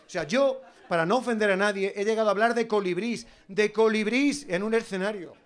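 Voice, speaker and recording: A man with a Spanish accent from Spain doing a stand-up comedy monologue on stage, animated, with ironic asides. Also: high voice, fairly quick, clean tone.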